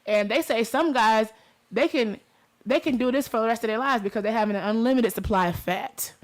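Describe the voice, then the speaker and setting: A woman's voice: on the high side, fairly quick. Casual Detroit woman hosting a talk show. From Detroit, United States. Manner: conversational, informal, addresses listeners directly.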